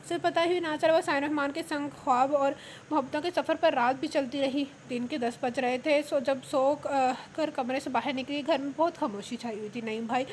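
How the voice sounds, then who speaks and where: A high-voiced woman reads a romance novel aloud in a steady way, sometimes stumbling and restarting a word. A faint hiss of background noise sits under her voice. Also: moderate pace. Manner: steady reading with frequent restarts of words. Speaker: novel reader. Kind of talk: novel reading.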